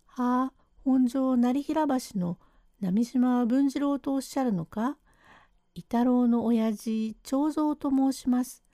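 A woman's voice: high-pitched, takes it slowly, dark tone, no echo, studio quality. A woman voicing a humble, hard-of-hearing old man in a rakugo storytelling reading. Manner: polite, rambling, mishears everything. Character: elderly male plasterer's father, hard of hearing, humble.

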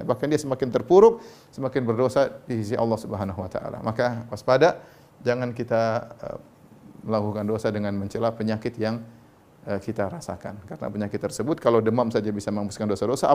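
A man delivers a sermon at an ordinary middle pitch. His talk is loose and conversational, studded with short affirming tags, and it climbs steeply whenever he stresses a point. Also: darkish tone. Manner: conversational, frequent "ya" tags, rising emphatic peaks. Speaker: Islamic preacher. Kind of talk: sermon lecture.

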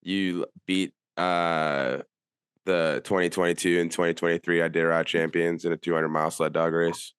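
A man's voice: low-pitched, flat delivery, moderate pace, a bit bright, clean tone, no room sound, studio quality. A man co-hosting a casual podcast, talking in an easygoing, chatty way. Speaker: podcast co-host. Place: Anchorage.

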